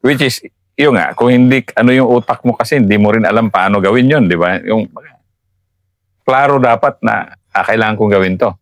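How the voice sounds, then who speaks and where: A Filipino man with a fairly low voice hosts an interview, drawing the points together slowly and deliberately. His follow-up questions are calm and measured. The recording is dry and close. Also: no room sound. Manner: slow and deliberate, sums up points and asks follow-ups. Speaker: interview host, retired colonel. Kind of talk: reflective interview talk.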